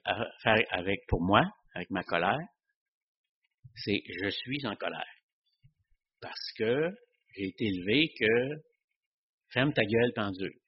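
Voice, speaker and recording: Guy talking about faith, kinda husky voice, dull lo-fi recording. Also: fairly low pitch. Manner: conversational, frequent tag questions. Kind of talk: casual teaching on faith.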